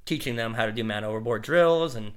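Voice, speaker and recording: A man hosting a casual podcast, explaining his sailing-instruction job in a relaxed, rambling way, laughing often. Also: medium pitch, fast talker. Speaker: podcast host. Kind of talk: casual chat.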